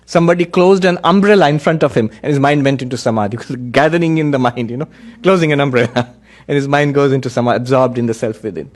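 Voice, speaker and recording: A man, a monk, giving an earnest spiritual discourse, telling parables in an unhurried, emphatic way. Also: mid-range voice.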